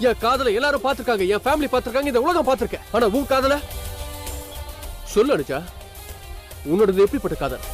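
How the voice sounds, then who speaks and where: Brief: a wounded, accusing young lover, high-pitched for a man, soft music under him. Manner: pleading then bitterly accusing, emphatic. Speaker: actor in a TV serial. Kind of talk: dubbed TV drama dialogue.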